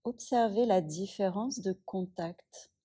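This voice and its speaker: A woman yoga teacher guiding a yoga nidra relaxation, speaking softly and soothingly with long pauses. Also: medium pitch, breathy edge.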